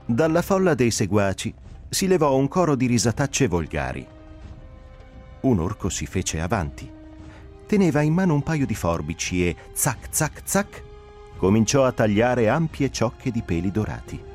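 A man reading a story aloud as narrator, with expressive, dramatic delivery. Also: medium pitch, normal speed, soft background music. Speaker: narrator reader.

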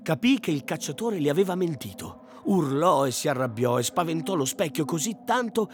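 A man reading a fairy tale aloud in an expressive, animated way. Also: a little high, moderate pace. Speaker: storyteller. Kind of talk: storybook reading.

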